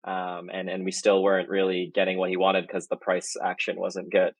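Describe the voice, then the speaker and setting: Male podcast guest, low voice, dry close mic, chatty storyteller who restarts his sentences. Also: completely flat delivery, normal speed, no echo, low-quality recording. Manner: rambling, self-correcting anecdote teller. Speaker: marketing executive guest.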